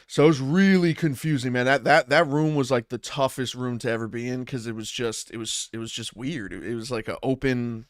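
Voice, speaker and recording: Briskly and with few pauses, a man with a medium-pitched voice talks battle rap on his livestream. The streamer and commentator rambles, restarts, and tosses in "bro" and "man" constantly. A studio dynamic mic into an audio interface in his home setup leaves no room sound.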